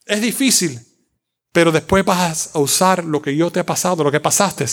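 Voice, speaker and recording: A man's voice: fairly high pitch, normal speed. A man preaching a sermon in a conversational, joking way, slipping in English words and talking to the congregation.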